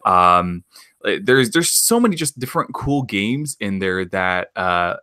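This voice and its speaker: Deep, bright-toned man, hesitant chat. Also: very animated, measured pace, clear, resonant tone, no room sound, studio quality. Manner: hesitant, many ums and uhs. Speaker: podcast guest, YouTuber. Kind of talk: casual podcast chat.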